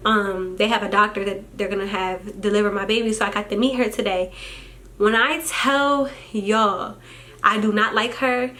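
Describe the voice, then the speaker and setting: A young woman vlogging casually, telling a story in an animated, exasperated way and acting out what people said. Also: medium pitch, normal speed.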